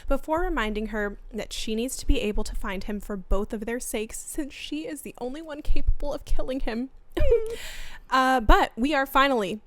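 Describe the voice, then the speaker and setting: A young woman co-hosting a casual book podcast, playful and slangy, quick to laugh. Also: high voice, fairly bright tone. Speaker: podcast co-host.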